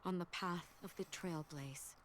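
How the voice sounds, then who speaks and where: A hushed, half-whispered farewell narration. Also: female voice, on the low side, measured pace, a little hiss or hum. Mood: wistful. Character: gentle young woman narrating a farewell. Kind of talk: soft breathy game narration.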